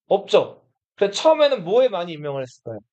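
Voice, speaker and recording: Male history teacher, high and animated. Lectures casually and bluntly, and quizzes the class before answering himself. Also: fast, dull audio. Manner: asks the class questions and answers them himself.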